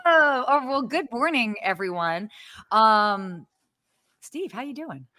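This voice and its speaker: A woman's voice: a little high, expressive, slow pace, sharp tone, no room sound. A woman co-hosting a hospitality podcast livestream from her apartment, chatting in a bubbly, exclaiming way with plenty of fillers. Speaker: podcast co-host. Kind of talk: casual livestream chat. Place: home apartment.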